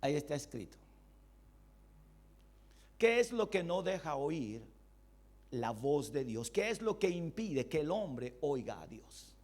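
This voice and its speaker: A man pastor giving a Bible study sermon, asking the congregation questions and voicing God's replies in a lower voice. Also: takes it slowly, pauses often. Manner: animated, rhetorical questions to the congregation.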